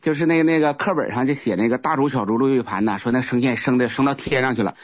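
Fast-talking man. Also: medium pitch, dry recording. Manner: rambling, repeats words, restarts often. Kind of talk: casual spoken testimony. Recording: muffled lo-fi recording.

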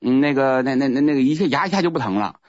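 Fast-talking man. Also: medium pitch, animated, no room sound. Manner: rambling, repeats words, restarts often. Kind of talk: casual spoken testimony. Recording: muffled lo-fi recording.

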